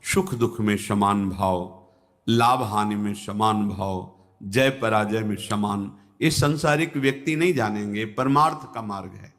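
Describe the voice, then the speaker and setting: Slow, calm male spiritual teacher in reverberant hall. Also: fairly low pitch. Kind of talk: devotional sermon with recited scripture verses. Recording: long hall reverb, music behind. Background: background music.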